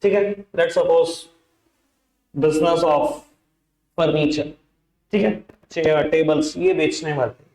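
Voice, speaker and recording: A man teaches an accounts lesson, coaxing his students and calling them by pet names. His voice sits a little high. The classroom around him is echoey. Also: steady tone, takes it slowly, long pauses, darkish tone, a little hiss or hum. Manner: coaxing, addresses students as beta and babu. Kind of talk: classroom lecture.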